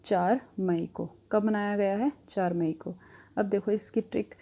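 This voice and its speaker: Unhurried and warm, with a steady medium-pitched tone, a young woman teaches current affairs. She uses rhyming memory aids and answers her own questions, repeating herself as she goes.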